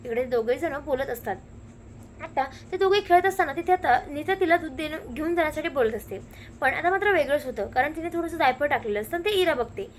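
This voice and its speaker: A woman narrates a television serial's episode at a rapid clip, in a high, quick voice. She jumps straight into the characters' quoted lines without slowing down. A faint hiss of noise sits behind her. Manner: rapid, lively retelling, slipping into characters' lines. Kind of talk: fast storytelling recap with acted quotes.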